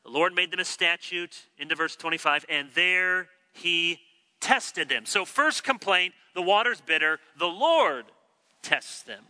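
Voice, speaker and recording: A man delivers an expository sermon in a teacherly way, slipping into the voices of the complaining people he quotes. His voice sits a bit high and sounds very bright and forceful. A long hall reverb trails after his words. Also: animated, unhurried. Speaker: preacher.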